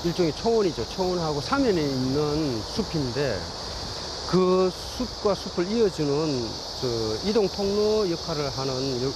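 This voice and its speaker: A man giving an unscripted expert explanation in an on-site interview. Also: fairly high pitch. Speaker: expert commenting on habitat. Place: outdoors in a park. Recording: clear outdoor noise, insects.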